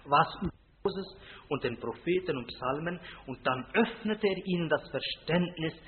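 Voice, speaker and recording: A man preaching, his fairly high voice swelling on scripture and sinking low for family stories. The sound is thin and tinny, with a long hall echo and faint noise behind. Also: lively intonation, unhurried. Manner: emphatic, rising loud on scripture, dropping low for anecdotes, frequent tag question. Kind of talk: sermon.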